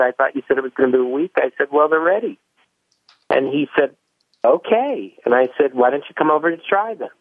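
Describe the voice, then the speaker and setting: A man tells his story in a folksy, conversational way and acts out the voices of the people in it. His pitch is middling. The sound is a dry, tinny phone line. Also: dry recording. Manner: folksy storyteller, acts out both sides of dialogue. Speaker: chocolate company founder, guest.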